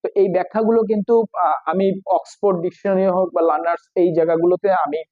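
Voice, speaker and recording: A high-voiced man with a Bengali accent teaches English grammar, going slowly through each phrase and pausing often to explain. The recording is dry and slightly dull. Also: dry recording. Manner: slow, explains each phrase step by step with many pauses. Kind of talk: exam prep lesson.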